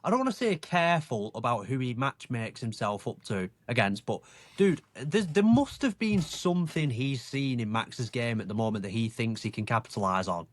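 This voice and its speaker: Brief: male co-host, mid-pitched, animated intonation, hesitant and searching for words. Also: normal speed, no room sound. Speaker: podcast co-host. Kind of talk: casual chat.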